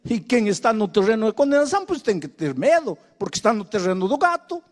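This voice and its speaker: A man's voice: sits high, big pitch swings, quick pace. An older man with Spanish as his first language, preaching an impassioned sermon and telling a story with dramatic voiced quotes.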